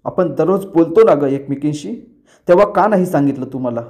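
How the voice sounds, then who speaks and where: A man's voice: on the high side, animated, fairly quick, dark tone, lightly acted. A man voicing a mother-in-law from a TV serial, reproaching her daughter-in-law. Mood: hurt.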